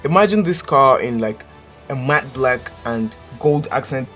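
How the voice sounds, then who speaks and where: A channel host with a Nigerian accent does a casual countdown as a voice-over, offering blunt, joking opinions in list-commentary style. His mid-range voice has lively intonation and a fairly bright tone at a measured pace, with faint music behind.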